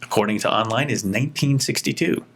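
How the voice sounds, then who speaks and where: Male talk host, low-pitched, nerdy and playful, easygoing chat delivery. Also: fast talker, fairly bright tone, a little hiss or hum. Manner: chatty, self-described word nerd with playful asides. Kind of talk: casual chat.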